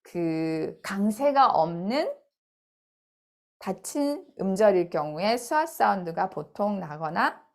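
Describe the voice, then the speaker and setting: A middle-aged woman teaching a phonics lesson in a casual spoken style, explaining slowly and repeating sounds out loud to model them. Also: medium pitch, expressive, creaky.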